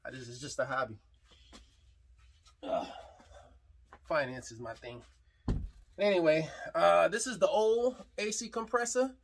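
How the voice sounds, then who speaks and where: Man, rambling, casual garage vlog, hobby mechanic, slightly high voice. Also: expressive, unhurried, long pauses, slight background noise. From New York. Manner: loose, rambling, full of fillers.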